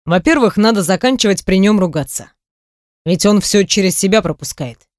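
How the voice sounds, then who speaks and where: A woman reading an audiobook voices a stern, proud middle-aged man, gruff and curt. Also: medium pitch, expressive, normal speed, darkish tone, no room sound, clean studio sound, lightly acted. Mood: weary.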